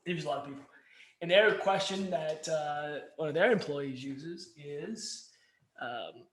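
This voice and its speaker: His pitch fairly high and his pace measured, this man co-hosts a podcast where the chat over beers is loose and jokey. Everyone keeps cutting themselves off mid-thought. The recording carries a roomy echo.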